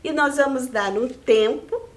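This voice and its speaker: A woman with a Brazilian Portuguese accent teaching a video lesson to first graders, speaking slowly and patiently in a sing-song teacher voice. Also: sits high.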